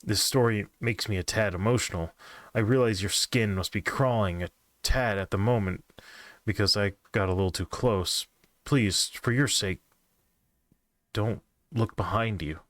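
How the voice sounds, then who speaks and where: A man reading a creepypasta as the quiet ghost of a boy, speaking softly and apologetically. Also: lowish voice, measured pace, dry recording. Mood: eerie. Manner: soft, apologetic, creepy calm.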